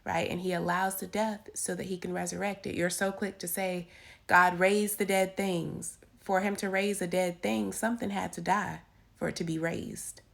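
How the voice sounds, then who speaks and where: A woman with a raspy voice giving an informal, emphatic devotional talk into her phone, repeating key phrases. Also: on the low side, flat delivery, normal speed. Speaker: faith vlogger giving encouragement. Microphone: handheld phone.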